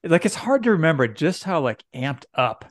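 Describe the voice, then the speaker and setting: A man's voice: fairly high pitch, very animated, normal speed, no room sound, studio quality. A middle-aged man, a pastor co-hosting a podcast, talking casually with lots of fillers and easy laughs. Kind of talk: casual chat.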